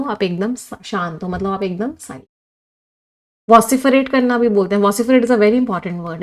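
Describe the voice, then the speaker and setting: Hindi-English teacher quizzing a live class. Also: female voice, fairly high pitch. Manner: asks the class questions and answers them herself, mixing Hindi and English; reads chat comments from live viewers. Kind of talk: live online exam-prep vocabulary lesson.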